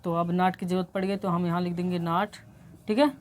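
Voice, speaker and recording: A woman's voice: on the low side, steady tone, normal speed, slight background noise. A woman teaching an English grammar lesson, explaining step by step and often checking that her students follow, and she has a slight cold. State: coming down with a cold.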